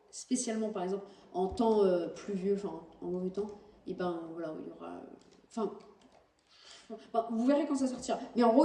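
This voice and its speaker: A woman talks through game footage in a casual, halting way, stopping often to correct herself. Her voice is very dark and mellow. She sounds set back from the mic in a roomy space with a faint hum behind her. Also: medium pitch. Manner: hesitant, many fillers and self-corrections. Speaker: gaming channel host. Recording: roomy, distant mic, faint background noise.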